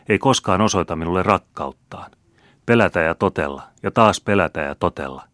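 A man's voice: sits low, fairly bright tone, no echo, clean studio sound. A man reading a dreamy, bitter seventeen-year-old count who speaks with passion in an audiobook. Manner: impassioned, bitter.

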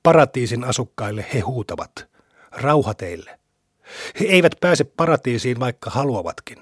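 A man reading scripture aloud in a measured, deliberate way, with his phrase ends trailing off breathy, on a close studio mic. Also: medium pitch, sing-song, no echo. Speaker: scripture reader.

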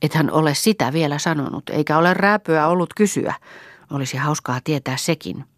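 A woman's voice: low-pitched, no room sound, lightly acted. Lady doing nosy old widow, a bit reproachful, dry booth sound. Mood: curious. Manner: wondering and mildly reproachful. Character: curious, gently scolding older widow. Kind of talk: audiobook character reading.

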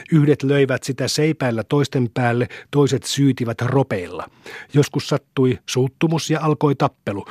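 A man narrating a classic novel in a steady, measured storytelling manner. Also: mid-range voice, no room sound, clean studio sound. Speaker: audiobook reader.

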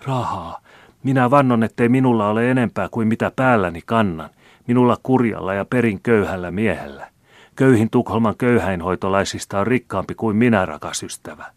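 A man's voice: deep voice, dry recording, voice pushed up, close to an everyday voice. A man reading aloud and voicing a greedy old male miser who pleads and whines in self-pity. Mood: frightened denial. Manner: wheedling, self-pitying pleading.

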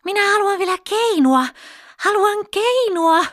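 Lady putting on a squeaky little storybook girl, headstrong and quick to tantrums, shrieks way up high, dry sound. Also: no room sound. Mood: cross. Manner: shrill excited shouting. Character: small strong-willed girl, quick to tantrums. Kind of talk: storybook character voice.

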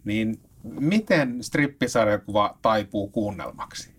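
A man interviewing a guest on the radio, asking calm, measured questions. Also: fairly low pitch, breathy edge.

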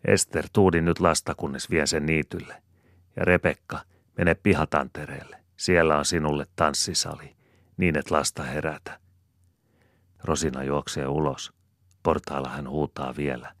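A man's voice: rumbling low, steady tone, a bit bright, dry recording, clean studio sound. A man voicing a bustling, fond rural mother who rambles in homely chatter and croons lullabies to her baby.

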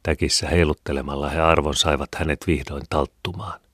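Very deep-voiced male audiobook narrator. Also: steady tone, a bit bright, dry recording, clean studio sound. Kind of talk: scripted narration of a classic novel.

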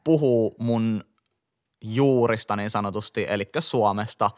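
Young Helsinki man, slangy, animated. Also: lowish voice. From Finland. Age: young adult. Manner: slangy, animated storytelling with laughs and many fillers. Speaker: podcast co-host. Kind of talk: casual chat.

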